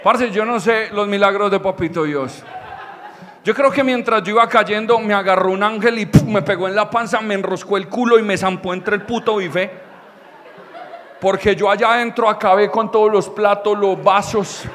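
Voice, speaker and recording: A young Colombian man doing stand-up comedy storytelling, animated, with loud outbursts and crude slang. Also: high-pitched, normal speed, long reverb tail, slight background noise.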